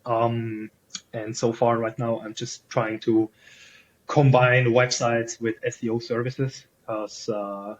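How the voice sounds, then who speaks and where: This man is a Swiss SEO freelancer appearing as a podcast guest, talking casually in a Swiss German accent. He rambles slowly, packing his speech with "like" and "you know," and his mid-range voice shows little pitch movement. The recording sounds rough.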